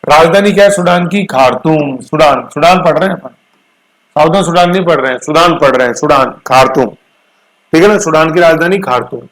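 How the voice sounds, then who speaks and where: A male teacher with a fairly high, somewhat bright voice gives a current-affairs lecture to prepare students for exams, heard in a rough recording. He stretches out words slowly to drill spelling and pronunciation, works in English terms, and speaks to students with homely asides.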